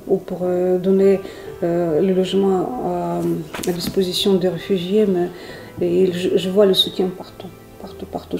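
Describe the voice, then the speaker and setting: Ukrainian-accented woman, flat and halting. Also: on the low side, gravelly. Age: middle-aged. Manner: earnest, halting with many restarts. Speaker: interviewee, volunteer. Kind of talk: interview answers. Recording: echoey room with music under.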